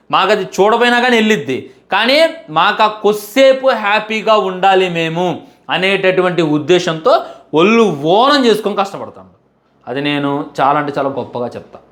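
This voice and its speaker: A young man delivers a heartfelt fan monologue, stacking up repeated phrases and pleading with the audience. His voice sits a little higher than most men's. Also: fairly bright tone. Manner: emphatic, repetitive, pleading. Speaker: fan commentator.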